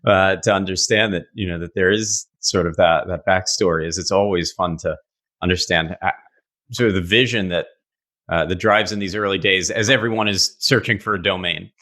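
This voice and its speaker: A man's voice: deep voice, steady tone, normal speed, pushed and bright. A man with a New York accent hosting a podcast, asking questions in a chatty way with joking asides. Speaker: podcast host. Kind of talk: casual podcast interviewing.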